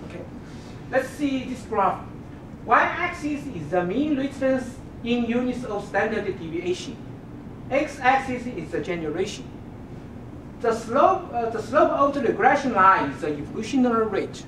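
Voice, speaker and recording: A woman giving an academic thesis defense presentation, explaining step by step in a halting way. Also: big pitch swings. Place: dark lecture room with projection screen. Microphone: distant camera microphone. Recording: distant, echoey room recording with rumbling noise.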